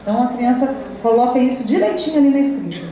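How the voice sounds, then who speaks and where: Brazilian woman, lecturer, mellow voice, slightly high pitch, chatty tag questions, echoey hall from afar. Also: quick pace. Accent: Brazilian Portuguese. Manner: conversational, many tag questions and fillers. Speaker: university lecturer. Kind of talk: academic lecture to teachers. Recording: echoey hall, distant, faint noise.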